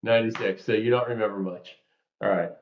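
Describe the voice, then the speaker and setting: Animated storytelling man in a roomy space. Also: on the low side, fairly quick. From New York, USA. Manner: animated storyteller, explains with examples. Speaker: podcast co-host. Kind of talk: casual podcast chat. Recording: roomy, slightly dull sound.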